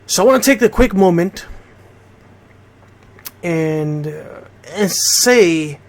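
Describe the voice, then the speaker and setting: His high voice is animated but slow as this middle-aged Bridgeport, Connecticut DJ hosts his radio show. He talks informally, speaking straight to the audience.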